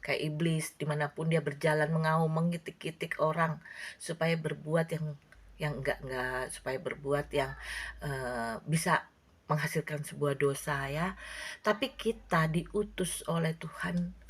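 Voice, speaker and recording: A woman with a somewhat low voice tells a devotional story in a relaxed, chatty way. She slips into the characters' voices as she goes, and her tone stays warm and conversational. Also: measured pace, slightly rough. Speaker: online devotional speaker.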